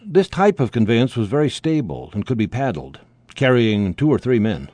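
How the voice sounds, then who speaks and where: A man's voice: mid-range voice, sing-song, normal speed, mellow, no echo. A man reading scripted documentary narration as the narrator of a history radio series.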